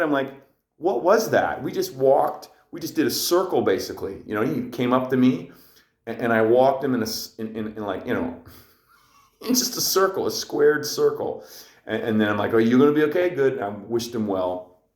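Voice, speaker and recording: A man's voice: mid-range voice, lively intonation, normal speed. A middle-aged man hosting a podcast, telling a story in a rambling, earnest, reflective way. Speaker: podcast host. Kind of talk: casual storytelling monologue. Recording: echoey room.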